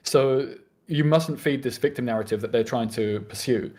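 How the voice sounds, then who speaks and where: A man's voice: medium pitch, darkish tone. A man with a British accent making an earnest debate argument, often restarting his sentences. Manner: fast and earnest, with frequent restarts.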